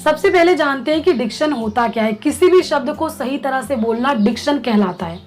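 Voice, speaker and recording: A woman casting director giving clear, patient tips to aspiring actors in an instructional vlog. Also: sits high, expressive, normal speed.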